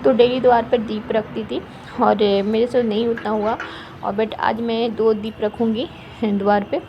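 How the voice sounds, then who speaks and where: A woman vlogger narrating her video in a fast, chatty voice-over, with frequent fillers. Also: a little high, little pitch movement, muffled recording, background noise. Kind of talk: casual vlog voice-over.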